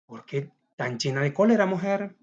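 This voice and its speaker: A man reading the part of a hypocritical, deceiving man in a classroom play, in a flat, dismissive way. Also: a little high, normal speed, muffled recording, lightly acted. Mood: cold.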